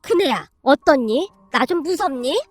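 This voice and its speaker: A woman's voice: sits high, animated, a little slow, dry recording, soft background music. A woman voicing a meek middle-aged mother-in-law, eager and trying hard to sound tough.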